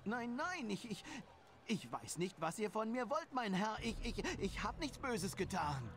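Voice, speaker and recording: A man's voice: high voice, very animated, unhurried, a bit bright, slight background noise, exaggerated voice. An actor playing a frightened male monk who stammers and pleads nervously, in game audio. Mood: fearful. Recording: game audio with music underneath.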